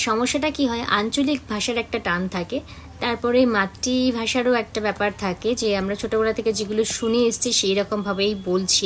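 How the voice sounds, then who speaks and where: A woman teaches pronunciation as an acting coach. She says each example word several times to show how the sound is made, in a voice of middling pitch for a woman. A faint hum sits under her voice. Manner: demonstrates sounds by repeating example words. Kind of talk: pronunciation lesson.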